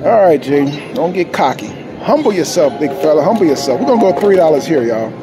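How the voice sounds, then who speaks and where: A man's voice: fairly high pitch, very animated, a little fast. A man with an American accent giving casual, slangy, cocky running commentary to viewers as he gambles. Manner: slangy, cocky self-talk. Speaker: vlogger gambling at a casino. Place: indoor casino at a gaming machine. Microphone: handheld phone. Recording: loud casino music behind handheld recording.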